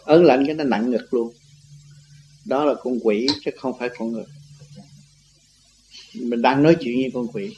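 A man gives informal spiritual teaching in a mid-range voice at normal speed, broken by long pauses, against a noisy background. His religious talk is rambling and repetitive, and he laughs now and then.

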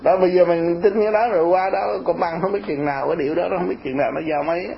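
An older man with a Southern Vietnamese accent, telling stories in an animated, lively way in casual chat, often laughing. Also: high-pitched, very fast, creaky. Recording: muffled lo-fi tape with faint hiss.

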